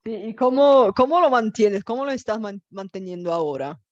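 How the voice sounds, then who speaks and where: A Bulgarian woman hosting a casual conversation in a foreign language, pausing often with fillers as she searches for words. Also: fairly high pitch, animated, no room sound, highs cut off. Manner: hesitant, many fillers while searching for words. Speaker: host.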